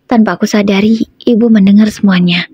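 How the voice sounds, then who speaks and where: A woman telling a first-person story as scripted narration, in a steady, even reading voice. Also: medium pitch, brisk, breathy edge, no room sound, highs cut off.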